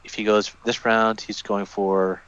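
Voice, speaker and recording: A man's voice: lowish voice, level tone, measured pace, a bit bright, smooth, no echo, dull audio. A man commentating a board game tournament, weighing options and thinking aloud with hedges. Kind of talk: strategy analysis commentary.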